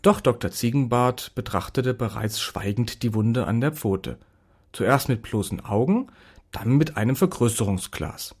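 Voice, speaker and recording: A man reading a children's story aloud in a lively, expressive way. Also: mid-range voice, husky.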